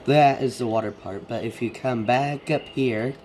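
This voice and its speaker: A man's voice: mid-range voice, moderate pace, noisy background. A man who is sick with a stuffed, congested nose gives a casual, hesitant, rambling walkthrough of a video game. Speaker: gamer giving a video game tour.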